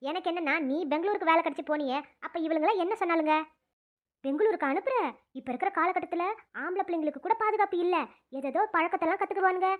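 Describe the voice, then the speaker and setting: A woman's voice: extremely high pitch, quick pace, phone-quality sound. A woman doing a grumbling old cartoon father.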